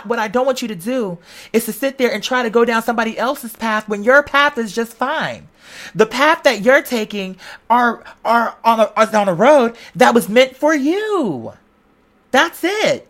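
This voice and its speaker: A fairly high-pitched, somewhat bright woman's voice carries this pep talk from an online video creator. The monologue is conversational and slangy, driven by emphatic, preacher-like repeats.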